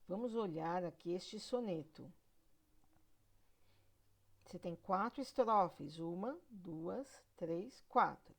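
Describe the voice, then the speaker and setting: A woman's voice: lowish voice, a little mellow. A female literature teacher with a Brazilian Portuguese accent giving a recorded lesson, explaining step by step, counting syllables aloud and checking in with her students.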